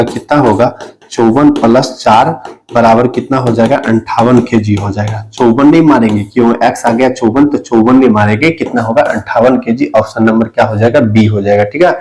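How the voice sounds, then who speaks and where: A man's voice: mid-range voice, a little mellow. A man teaching a math lesson for exam prep, talking through sums step by step and asking the student questions that he answers himself. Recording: echoey room recording.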